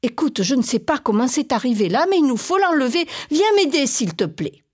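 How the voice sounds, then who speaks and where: A woman's voice: sits high, big pitch swings, fairly quick, a little mellow, breathy edge, heavily acted. A woman voicing a fussy old grandfather gardener in a children's story, exclaiming and flustered.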